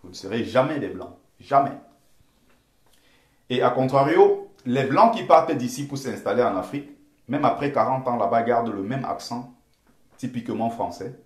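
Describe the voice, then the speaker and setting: An emphatic man with a Bamileke Cameroonian accent, hammering his points home and repeating phrases as he comments on a live stream. His voice sits at an ordinary middle pitch. It is recorded in a roomy space with a noticeable echo. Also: expressive, moderate pace. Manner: emphatic, repetitive, pleads with viewers.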